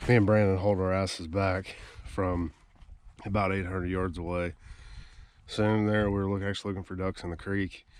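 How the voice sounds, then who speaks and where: A man's voice: sits low, flat delivery, moderate pace, background noise. A man casually narrating a hunting vlog outdoors, chatty and easygoing, explaining things as he goes on an action camera. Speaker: hunting vlogger. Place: outdoors in a rural field.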